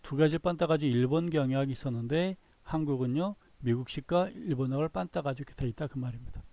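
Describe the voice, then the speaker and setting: A man's voice: on the high side, quick pace, dark tone, no room sound. A man giving a recorded business lecture, reading through slides in short phrases and often repeating himself.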